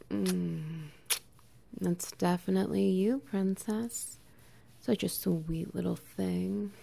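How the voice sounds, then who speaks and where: A young adult woman whispering softly and teasingly in an intimate audio roleplay, with quiet laughs between phrases. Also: fairly low pitch, vocal fry.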